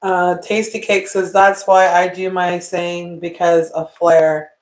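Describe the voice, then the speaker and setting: A woman's voice: lowish voice, level tone, takes it slowly, roomy sound. A woman co-hosting a live stream, playfully reading viewer comments aloud in casual chat.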